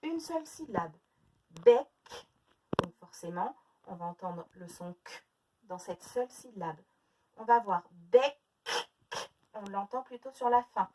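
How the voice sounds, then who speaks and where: A woman teacher giving a phonics lesson to young children, stretching out each syllable and repeating words slowly. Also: medium pitch, expressive, mellow, distant mic, a little hiss or hum.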